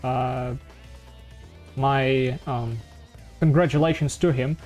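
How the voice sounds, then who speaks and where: A man from Ukraine hosting and commentating a fighting-game tournament stream, relaxed and chatty. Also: medium pitch, takes it slowly, soft background music. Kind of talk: casual esports commentary.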